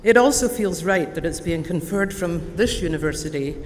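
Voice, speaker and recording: Long reverb from a large convocation hall and faint background noise surround this formal, prepared address. The speaker, a woman in her sixties from Scotland with an Edinburgh accent, is being honored with a degree and speaks from a podium. Her lowish voice is expressive, measured, deliberate, and warmly earnest.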